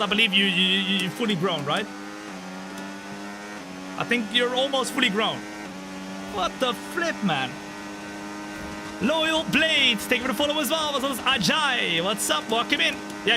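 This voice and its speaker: A man of twenty-five with a very high voice streams a racing game live, speaking at a moderate pace with frequent pauses and plenty of animation. He chats with his audience and narrates the race with self-deprecating humor. Music and racing car engine noise from the game play in the background.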